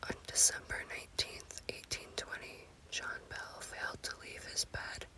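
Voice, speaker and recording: Here a woman uses an unvoiced, breathy whisper to narrate something spooky, ASMR-host fashion, phrasing each line carefully in a bright, forceful tone.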